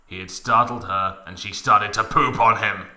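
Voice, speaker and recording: In an echoey room, a man with a lowish voice reads a story at normal speed as host. He hams it up theatrically and with animation, pausing now and then to crack jokes.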